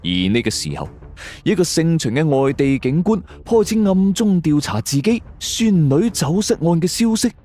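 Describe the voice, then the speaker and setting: With background music under him, a male audio drama narrator relates a scripted suspense story in a dramatic, suspenseful storyteller's way. He has a Hong Kong Cantonese accent and a fairly high, warm, sing-song voice at a moderate pace.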